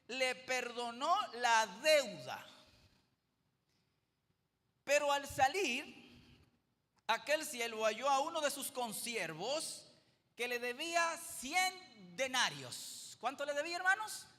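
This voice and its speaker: A man's voice: very high voice, animated, unhurried, bright, forceful tone. A man preaching a sermon, retelling a parable emphatically and posing rhetorical questions to the congregation. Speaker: pastor. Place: church sanctuary. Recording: long hall reverb of a church.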